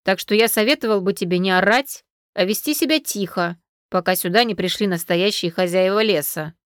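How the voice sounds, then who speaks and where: A woman voicing a young male dragon, the heroine's cousin, who speaks calmly and matter-of-factly in an audiobook. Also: medium pitch, a little fast, no room sound, close to an everyday voice. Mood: lecturing. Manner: calm, dry, matter-of-fact.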